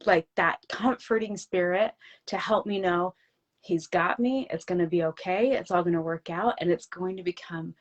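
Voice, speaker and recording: A woman's voice: on the low side, moderate pace, muffled recording. Earnest woman guest in her forties. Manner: earnest, heartfelt, talks about faith. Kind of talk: casual interview chat.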